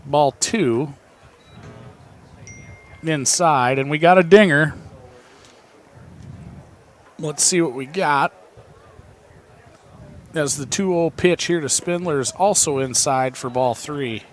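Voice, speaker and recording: A man with an American Midwest accent calling a local baseball game play-by-play, chatty and reading viewer texts between pitches. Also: slow pace, pauses often, soft background music. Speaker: play-by-play announcer.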